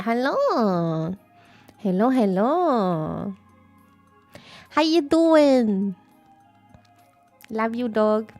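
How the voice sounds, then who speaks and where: A woman VTuber chatting casually on a live stream, playful and rambling, with sudden squeaky greetings. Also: a little mellow. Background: faint background music.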